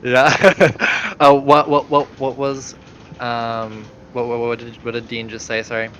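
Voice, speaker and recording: A man's voice: mid-range voice, flat delivery, a little slow, a bit bright, a little hiss or hum. A man narrating a tabletop game as game master, hesitant and full of fillers.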